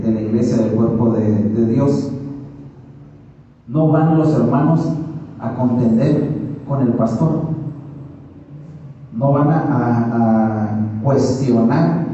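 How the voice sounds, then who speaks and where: A man preaching a sermon lesson, filling pauses with "amén" and "gloria al Señor", halting and repeating words. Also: mid-range voice, warm tone, a little hiss or hum. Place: church hall. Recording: echoey hall, distant dull mic.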